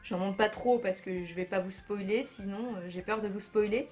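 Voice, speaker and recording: A woman's voice: mid-range voice, fairly even intonation, moderate pace, a little mellow, faint music behind. A young woman chatting casually in a vlog, showing her bookshelf, often hesitating with fillers and correcting herself. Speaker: book vlogger.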